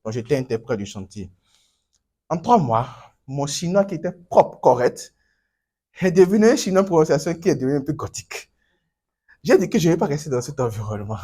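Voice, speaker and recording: A man's voice: fairly high pitch, very animated, fairly quick, mellow, breathy edge. A man coaching a class on Chinese pronunciation, drilling students and repeating words energetically.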